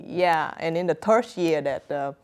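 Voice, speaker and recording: A young woman from Vietnam with a Vietnamese accent, talking as an interview guest. Her voice sits a little low and sounds smooth and clear. She speaks haltingly, with many fillers and simple grammar. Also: darkish tone. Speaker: author guest. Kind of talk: interview answers.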